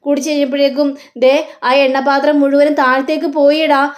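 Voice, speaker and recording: An earnest young wife voiced by a woman pleads and apologizes. The voice sits high. She is a figure in a soap-serial retelling. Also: flat delivery, fairly quick, lightly acted. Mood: pleading.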